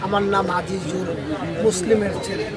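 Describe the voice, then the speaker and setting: A man's voice: sits high, fairly even intonation, normal speed. A man hawking amulets on the street with an insistent, repetitive sales patter in short phrases. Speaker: street hawker selling amulets and herbal charms. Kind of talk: street sales pitch to a crowd. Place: outdoors at a busy public spot. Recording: busy outdoor street, loud crowd and traffic.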